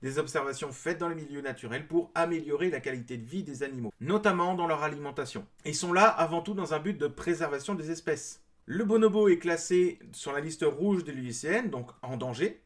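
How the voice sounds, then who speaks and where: Male creator, bright high voice, explanatory and dryly sarcastic rebuttal commentary. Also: a little fast, few pauses. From France. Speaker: video creator responding to a clip.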